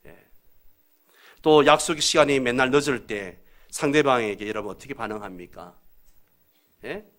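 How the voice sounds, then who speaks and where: A man's voice: mid-range voice, normal speed, fairly bright tone. A middle-aged man preaching a sermon as pastor, calling out to the congregation for answers and acting out angry quoted lines in a raised voice. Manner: calls out to the congregation for responses.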